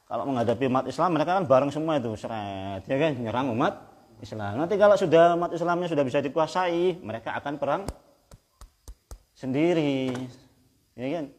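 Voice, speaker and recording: A man preaching a Quran exegesis lecture in a conversational way, often checking with his listeners and chanting verses slowly. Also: fairly high pitch, expressive. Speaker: Islamic preacher. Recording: hall with long reverb.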